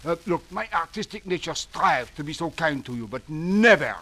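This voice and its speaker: A grandiose French stage director with a heavy French accent, who turns every sentence into a flourish. His voice sits a little high, and he speaks with a flowery, melodramatic air in vintage radio comedy style. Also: lively intonation, moderate pace, sharp tone. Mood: exasperated. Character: pompous, theatrical male French drama director.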